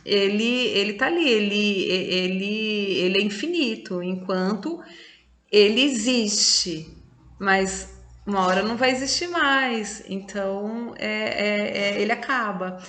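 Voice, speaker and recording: A woman's voice: medium pitch, slow, fairly bright tone. A woman teacher giving a recorded class, patiently explaining step by step and counting syllables aloud. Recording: echoey room.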